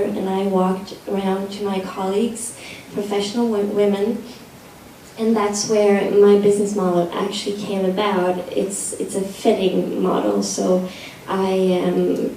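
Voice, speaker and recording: A woman who is a fashion entrepreneur, speaking with a sweet, soft voice and many fillers on a discussion panel. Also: a little hiss or hum. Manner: high sweet voice, hesitant fillers. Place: large meeting room with audience. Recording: echoey hall, distant mic.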